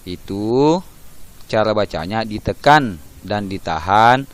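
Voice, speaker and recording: A man teaching young children a religion lesson, patiently explaining step by step and chanting verses in a drawn-out reciting tone. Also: on the low side, lively intonation, slight background noise.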